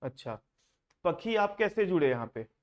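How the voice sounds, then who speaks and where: A man's voice: on the high side, sing-song, moderate pace, muffled recording. Hindi-speaking man teaching a class. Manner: asks the class questions, mixes in English terms. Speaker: accounting teacher. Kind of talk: classroom lecture.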